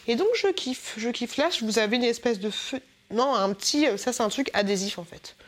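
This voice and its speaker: Chatty woman vlogger with a higher voice. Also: expressive, fairly quick. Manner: chatty and playful, with hesitant fillers and self-mocking asides. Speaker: haul vlogger. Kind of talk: casual product haul chat.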